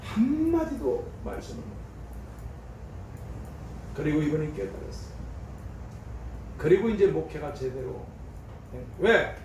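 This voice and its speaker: A man's voice: a little high, huge pitch swings, a little slow, vocal fry, pauses often, darkish tone, a little hiss or hum. A male pastor preaching a sermon, dramatically acting out voices and questions in a church sanctuary. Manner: dramatic, acts out voices of God and a troubled pastor. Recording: echoey church hall, voice from a distance.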